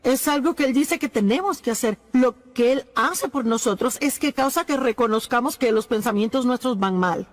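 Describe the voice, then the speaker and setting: Woman, high voice, Spanish voice-over for a preacher's sermon, earnest and emphatic. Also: moderate pace, few pauses. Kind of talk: dubbed sermon.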